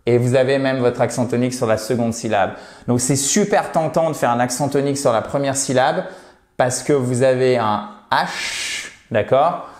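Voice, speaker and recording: A man teaching an English lesson in French, patiently repeating English words slowly to drill their pronunciation. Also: medium pitch, roomy sound. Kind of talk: video lesson at a whiteboard.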